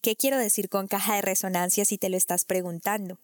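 A woman voice coach explaining technique in a clear, didactic way, speaking straight to the listener. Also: mid-range voice, fairly even intonation, fairly quick, no room sound, clean studio sound. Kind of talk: instructional talk to camera.

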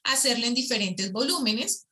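A woman's voice: fairly high pitch, animated, normal speed, bright, forceful tone. A woman, a voice and speech coach answering interview questions and demonstrating vocal exercises aloud.

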